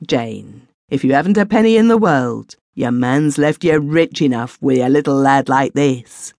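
A woman's voice: a bass voice, expressive, unhurried, a little mellow, no echo, studio quality, exaggerated voice. A woman voicing a lonely old widowed grandfather in a storybook, speaking in rustic country dialect. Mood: tender. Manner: rustic country dialect, gloomy then wondering.

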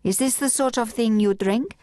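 A woman's voice: on the high side, moderate pace, warm tone, no room sound, studio quality, voice pushed up, close to an everyday voice. A woman reading an audiobook voices a proud teenage girl who speaks sulkily and curtly. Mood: sulky. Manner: sulky, curt.

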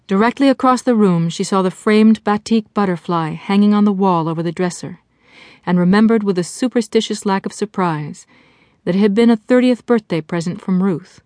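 A woman reading an unabridged novel aloud in measured, even storytelling narration. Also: mid-range voice, no room sound, studio quality. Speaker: audiobook narrator. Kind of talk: scripted audiobook narration. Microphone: studio microphone.

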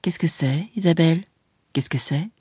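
A woman doing a quiet, tender husband. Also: sits low, normal speed, breathy edge, no room sound, clean studio sound. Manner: hushed, tender. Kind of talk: audiobook character voice.

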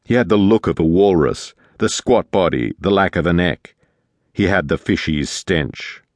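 A man narrating a fantasy audiobook in a measured storytelling manner. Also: sits low, no echo. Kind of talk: scripted narration.

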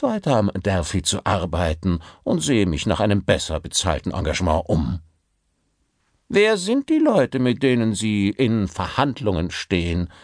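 A man's voice: fairly low pitch, no echo, studio quality, voice pushed up, full character voice. Man doing a huffy old-school theatre boss, suspicious, pushy questions. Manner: indignant, interrogating. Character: pompous, suspicious male theatre director.

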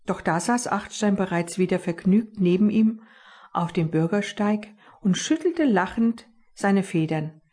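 Woman, children's audiobook narrator, slow, breathy, calm. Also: medium pitch. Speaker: author reading her book.

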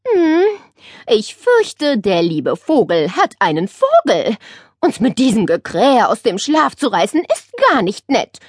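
A woman voicing an elderly great-aunt in an audiobook, speaking in a slow, drawn-out way. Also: on the high side, very animated, no echo, clean studio sound, voice pushed up, full character voice. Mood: grumpy. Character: old great-aunt, gruff but kind. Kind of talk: audiobook character voice.

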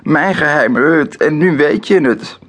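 A man voicing a stubborn four-year-old girl in a children's storybook, in a high, childish, insistent voice. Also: very animated, normal speed, husky, full character voice. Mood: crying out. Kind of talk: storybook character voice.

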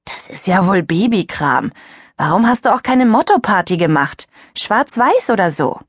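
A woman's voice: mid-range voice, very animated, moderate pace, breathy edge, dry recording, clean studio sound. A woman voicing a condescending, bossy teenage girl in an audiobook. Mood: scornful. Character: snooty teenage girl at a party.

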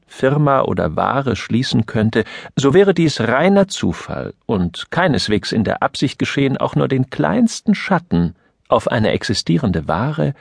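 Male narrator, gravelly, expressive, dry studio sound. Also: mid-range voice, no echo. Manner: measured, expressive reading. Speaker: audiobook narrator. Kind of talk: scripted narration.

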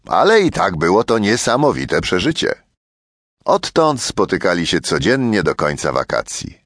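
A man's voice: fairly low pitch, no echo, studio quality. A man narrating a children's audiobook as a storyteller who talks straight to his young listeners.

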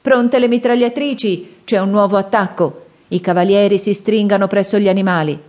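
A woman's voice: on the low side, fairly even intonation, fairly quick, warm tone, natural voice. A woman voicing a proud, commanding male pirate chief who barks orders. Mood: shouting orders.

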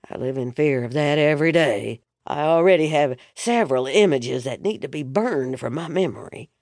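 A woman's voice: sits low, animated, moderate pace, a little mellow, no room sound, studio quality. A woman doing a sheepish, exasperated young man. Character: exasperated embarrassed young man, her son.

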